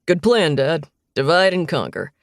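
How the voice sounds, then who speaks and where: Woman voicing a teasing cowboy rancher, gruff, gravelly edge, dry close sound. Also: sits low, sing-song, a little slow, no echo, exaggerated voice.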